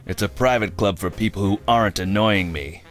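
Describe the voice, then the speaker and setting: A man plays a surly cartoon game bodyguard with a low voice. He is curt and sarcastic, a mob tough who makes every reply a brush-off or a threat. Music plays behind him. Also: brisk, close to an everyday voice. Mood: surly menace. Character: surly, sarcastic male tough-guy bodyguard and former mobster. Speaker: presidential bodyguard character. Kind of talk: comic cartoon game acting.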